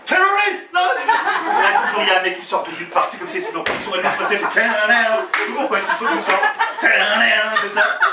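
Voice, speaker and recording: A male stand-up comedian telling a story with animated delivery and loud put-on voices, with crowd banter. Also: high voice, racing, hardly any pauses. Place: comedy stage with live audience. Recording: echoey, distant live room with audience noise. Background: audience laughter.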